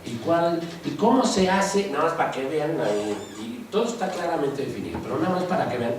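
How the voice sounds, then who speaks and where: A man's voice: a little high, expressive, fairly quick, slight background noise. A man with a Mexican accent giving a university linguistics lecture in a chatty teaching manner, checking in with the class often. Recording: echoey classroom, mic far off.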